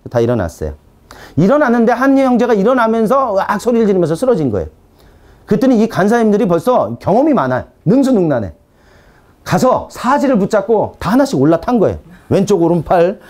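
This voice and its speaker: A male preacher with a high voice that leaps around as he talks. He tells animated stories from his ministry and acts out his commands, then drops to a low, quiet, firm tone when he orders spirits to stop. The sermon is lively and conversational. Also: a little fast. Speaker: pastor teaching deliverance ministry.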